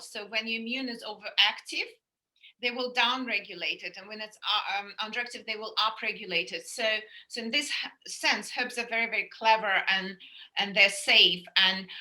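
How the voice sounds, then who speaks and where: A woman speaks as a herbalist guest in relaxed conversation. Her voice is strikingly bright, and she talks in a chatty way, circling back and restarting her sentences as she explains. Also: medium pitch, poor audio. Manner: chatty, full of restarts and fillers, warm enthusiasm for remedies. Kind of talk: casual explanatory talk. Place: london.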